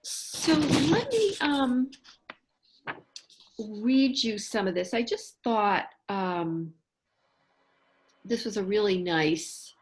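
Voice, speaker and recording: A woman's voice: mid-range voice, expressive, very slow, long pauses, slight background noise. A woman leading a casual book club discussion, hesitant with many restarts and fillers, at times reading a passage aloud.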